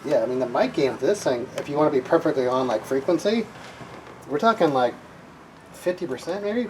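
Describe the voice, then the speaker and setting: This man's medium-pitched voice is expressive and darkish, moving at a brisk clip with a little background noise behind it. He's a hobbyist radio operator casually demonstrating equipment, chatting loosely and thinking out loud as he goes.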